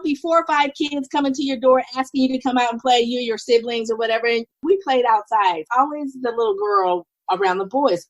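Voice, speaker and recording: Animated woman telling stories, dry sound. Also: high voice, gravelly, no room sound, rough recording. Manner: lively, animated, acts out quoted dialogue. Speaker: podcast guest, nurse and business owner. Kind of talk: casual conversational storytelling.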